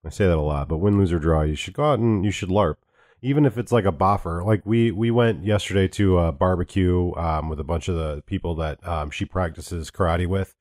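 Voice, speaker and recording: A man's voice: low-pitched, a little fast, darkish tone, dry recording, studio quality. A man co-hosting a casual podcast, rambling with fillers and restarts. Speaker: podcast co-host.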